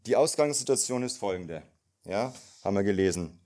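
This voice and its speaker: A man's voice: fairly low pitch, animated, a little fast, dark tone. A male pastor preaching a sermon in a casual, personal way with fillers.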